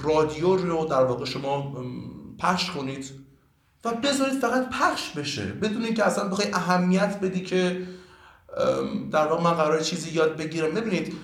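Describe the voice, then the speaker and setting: A man's voice: a little high, reverberant. A man from Iran who teaches languages, giving earnest, lecturing answers in a podcast interview, with many fillers.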